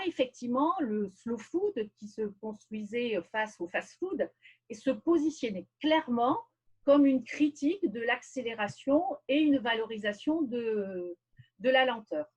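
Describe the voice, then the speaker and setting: A woman speaking on a video call, presenting a webinar in a measured, explanatory lecture style with frequent pauses. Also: a little high, slightly rough, poor audio.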